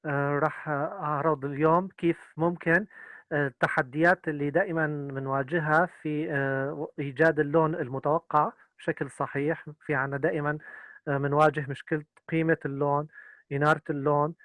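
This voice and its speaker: A man's voice: on the high side, steady tone, rapid-fire, a bit bright, no room sound. A man, interpreting a lecture consecutively and hesitating with many filler sounds.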